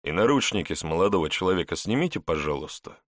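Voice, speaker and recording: A courteous young officer who speaks in a calm, genial, smiling tone, as the male narrator voices him. His delivery is lively in tone. It is a dry, close audiobook read. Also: low-pitched, quick pace, no echo.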